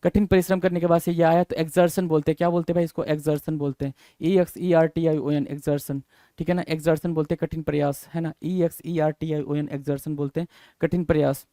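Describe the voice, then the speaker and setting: High pitched guy teaching vocab, keeps repeating words and quizzing, dry close sound. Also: little pitch movement, fast, warm tone, no echo. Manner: drills words, repeats and spells them out, asks students questions. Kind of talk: exam-prep lesson.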